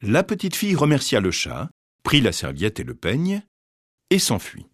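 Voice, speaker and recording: Male fairy-tale reader, lively pitch, medium voice. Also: moderate pace, no echo, clean studio sound. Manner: expressive storytelling.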